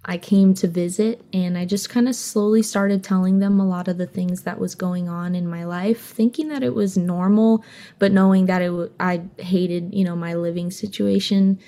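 A young woman singer from Hawaii talks openly about her life in an interview. Her voice sits a little low and has a mellow, warm tone. She speaks earnestly and gently, with many casual fillers. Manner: earnest, open, soft-spoken with frequent "um" and "like". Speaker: singer guest.

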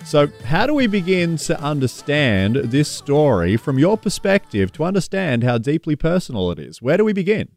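A male radio host interviews a guest with measured, gentle questions. His voice moves up and down a lot as he speaks. Faint music plays underneath him. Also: fairly high pitch, very animated, dry recording. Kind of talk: interview hosting.

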